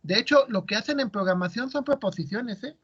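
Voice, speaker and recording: Male teacher, high voice, quizzing his students, muffled audio. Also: expressive, a little fast, fairly bright tone, husky. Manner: asks students questions, explains step by step. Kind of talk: classroom lecture.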